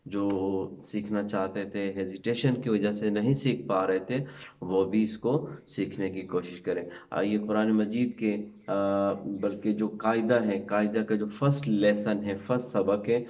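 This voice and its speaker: A male Quran teacher giving a spoken lesson, reciting the Arabic letters slowly and drawn out, with English words mixed into his Urdu. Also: lowish voice, darkish tone, distant mic.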